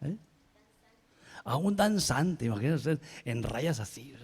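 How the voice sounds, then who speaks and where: A male pastor preaching a sermon in a lively way, moving between soft asides and loud emphatic passages and often checking in with the congregation. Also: mid-range voice, slow, breathy edge. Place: church sanctuary. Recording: long reverb of a church hall.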